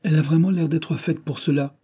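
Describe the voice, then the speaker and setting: A playful, mocking young lady of the court, as a male audiobook reader puts her on. Her voice is lifted above his own but stays dark and husky. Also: on the high side, fairly even intonation, a little fast, pitched above the performer's own voice. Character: lively teasing young lady-in-waiting. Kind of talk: audiobook reading.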